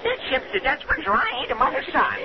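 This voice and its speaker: A man playing a gruff, superstitious old sailor uncle in blustering seafaring dialect, in 1930s radio drama style. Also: extremely high pitch, wildly swooping pitch, fast talker, a crowd in the background, heavily acted. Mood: insistent. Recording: noisy, muffled 1934 radio recording.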